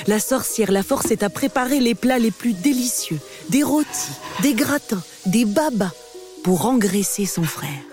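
Expressive woman reading a fairy tale. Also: medium pitch. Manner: expressive, lively storytelling. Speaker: narrator. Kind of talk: scripted storybook narration.

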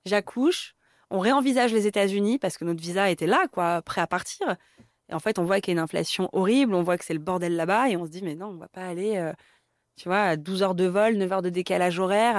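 A woman from Paris in her thirties chats openly as an interviewee, her medium-pitched voice moving a little fast and peppered with fillers. The recording is studio quality, with no room sound.

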